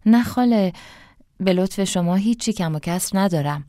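A woman's voice: mid-range voice, warm tone, no echo, clean studio sound, pitched above the performer's own voice, close to an everyday voice. A woman voicing a timid widowed young mother who talks hesitantly and pleads her case. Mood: earnest.

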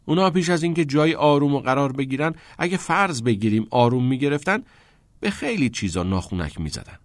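A man's voice: medium pitch, sing-song, dry recording, pitched above the performer's own voice, close to an everyday voice. A man voicing a bookish teenage schoolboy with a lecturing, philosophical manner. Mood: explaining.

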